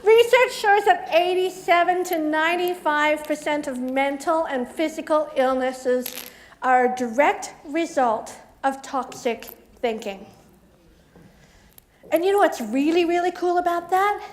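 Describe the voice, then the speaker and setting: A woman business coach giving a motivational talk to a live audience, playful and lively, acting out the voices in her head. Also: high voice, a little slow. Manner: lively, playful, acts out inner voices with mock quotes. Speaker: keynote speaker and business coach. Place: event hall in front of an audience.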